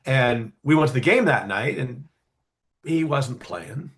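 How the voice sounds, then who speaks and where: A man telling a story casually in an interview, animated, with many fillers and quick acted-out quotes. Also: medium pitch. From California, USA. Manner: animated, acts out quoted voices, frequent fillers. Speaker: guest storyteller.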